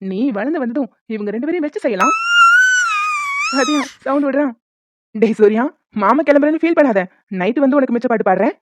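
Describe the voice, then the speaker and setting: A woman's voice: high voice, wildly swooping pitch, fast talker, pauses often, noisy background. A woman voicing a playful young uncle in a cartoon who sings badly and jokes around with the family. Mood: teasing. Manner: teasing, joking. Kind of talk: cartoon voice acting. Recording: dull lo-fi recording.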